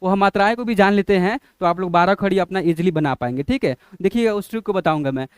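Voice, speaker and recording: A man teaching letters as a teacher, in slow, drawn-out drills that keep asking what each letter makes. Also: high-pitched, smooth, no room sound, studio quality. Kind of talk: classroom-style lesson.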